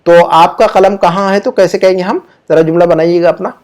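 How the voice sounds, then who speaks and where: An online grammar lesson is delivered by a man with an Urdu-speaking accent who explains patiently, repeats his examples slowly, and directs questions at the students. He has a high voice and a steady tone that is a little mellow.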